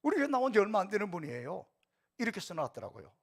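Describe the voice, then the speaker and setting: Lively husky-voiced male pastor preaching. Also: high voice, quick pace. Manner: conversational preaching, acts out quoted retorts; addresses congregation directly. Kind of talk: sermon. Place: church sanctuary.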